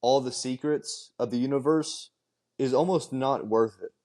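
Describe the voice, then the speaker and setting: A man's voice: mid-range voice, normal speed, a little mellow. A young man co-hosting a podcast over a video call, talking in a laid-back, agreeable way with plenty of fillers. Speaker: podcast co-host. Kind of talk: casual chat.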